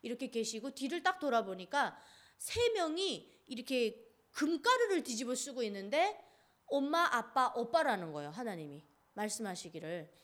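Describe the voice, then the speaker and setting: A woman from North Korea speaks in a high voice. She gives an earnest personal testimony and tells it vividly, with many fillers along the way. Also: big pitch swings, moderate pace.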